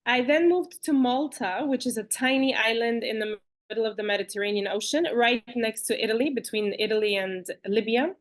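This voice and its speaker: Chatty, animated woman on a video call. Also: fairly high pitch, fairly quick. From Bulgaria. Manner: animated, chatty, with frequent fillers and restarts. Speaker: guest. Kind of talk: conversational interview.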